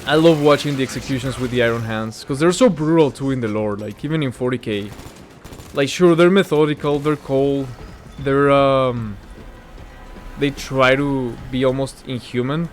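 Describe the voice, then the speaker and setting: A man with a medium-pitched voice talks at a moderate pace while playing a game, his casual, rambling commentary often distracted by what's happening. Game noise is clearly audible behind this gaming video host.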